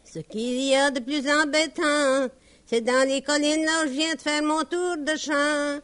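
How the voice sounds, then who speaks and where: A woman delivering a comic sung monologue and a folk song in a slow, clearly enunciated storytelling manner. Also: sits high, steady tone, fairly bright tone.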